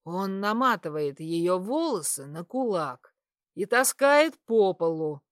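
A woman voicing a cruel, mocking young male satyr who taunts and threatens in a lowered, sneering voice. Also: sing-song, takes it slowly, no echo, clean studio sound. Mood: menacing.

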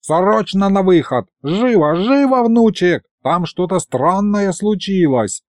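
A man's voice: a little high, fairly even intonation, a little mellow, dry recording, clean studio sound, pitched above the performer's own voice. A man voicing a fussy old grandfather who coaxes and hurries his grandson along. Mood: urgent. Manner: hurried, coaxing.

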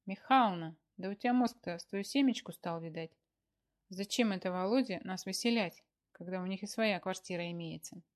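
A woman voicing a stern, bossy older wife who scolds with a sharp tongue in a read-aloud story. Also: mid-range voice, brisk, lightly acted. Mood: scolding.

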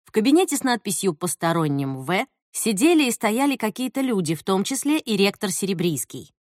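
A woman narrating a story in an expressive storytelling manner. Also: fairly high pitch, fast, no room sound, clean studio sound. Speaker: audiobook narrator. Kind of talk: scripted narration.

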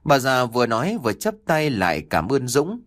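Male audiobook narrator, expressive horror storytelling, dry booth sound. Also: medium pitch, normal speed, dry recording. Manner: lively, expressive reading with voiced dialogue.

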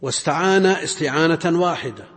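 A man who teaches Arabic grammar as a scholar. He explains the poem slowly and deliberately, repeating each form twice. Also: a little high, a bit bright. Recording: long hall reverb.

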